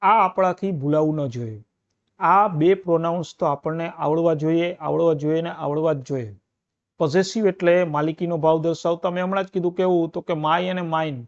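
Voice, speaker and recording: Male tutor with a slightly high voice, exam-prep grammar lecture, repeats points and checks in with students, dull muffled recording. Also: a little mellow. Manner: explains in repeated steps, often checks with the listener. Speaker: English grammar teacher.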